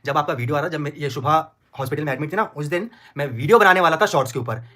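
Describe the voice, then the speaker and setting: A man's voice: a little high, racing, pushed and bright. A man arguing heatedly on a livestream, repeating himself, pleading and threatening in turns. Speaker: vlogger on a livestream.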